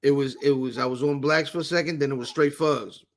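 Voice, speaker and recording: A man's voice: medium pitch, fairly even intonation, a little fast. A man co-hosting a podcast, telling loose, slangy stories in casual chat. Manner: laid-back storyteller, slangy, repeats "you know what I'm saying". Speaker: podcast co-host.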